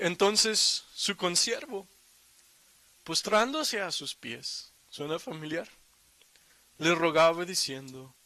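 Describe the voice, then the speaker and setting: Male preacher, high-pitched, reads verses then drives points home with emphatic asides; dry, close recording. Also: pushed and bright, no echo. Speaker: pastor. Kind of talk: sermon.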